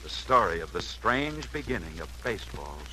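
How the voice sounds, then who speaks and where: A man hosting a 1940s radio sports newsreel, telling a story in a dramatic style with sudden swoops and pauses. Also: low voice, sing-song, pushed and bright, a little hiss or hum, poor audio. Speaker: radio sports show host.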